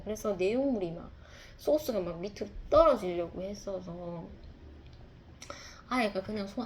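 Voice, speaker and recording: A woman's voice: medium pitch, background noise. A woman, a mother, telling a reflective personal story in a confessional, rambling way, full of fillers and restarts. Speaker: mother sharing a testimony.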